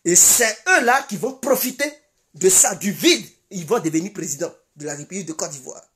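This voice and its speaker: A woman's voice: fairly low pitch, lively intonation, a little fast, fairly bright tone. A woman with an Ivorian French accent giving an impassioned political commentary monologue, emphatic and given to repeating insistent declarations.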